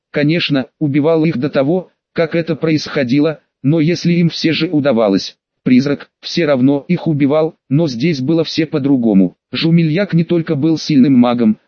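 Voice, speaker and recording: Man, audiobook narrator, steady even reading, fantasy story, dry close recording, dull muffled sound. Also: a little high, dry recording.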